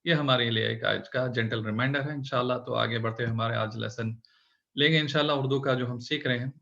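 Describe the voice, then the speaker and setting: A man's voice: medium pitch, fairly even intonation, a little fast, gravelly, fairly bright tone, muffled recording. A man teaching a beginners' script lesson, explaining letter shapes patiently and step by step. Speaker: Urdu teacher. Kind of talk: online language lesson.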